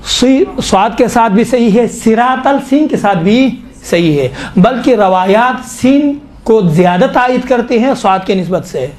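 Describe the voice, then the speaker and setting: A middle-aged man with a notably high voice teaches a class on Quran recitation. He explains each rule patiently and often breaks into slow, drawn-out recitation to demonstrate. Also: expressive, a little mellow. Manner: explains step by step, slowly recites and repeats verses to demonstrate. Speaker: tajweed teacher.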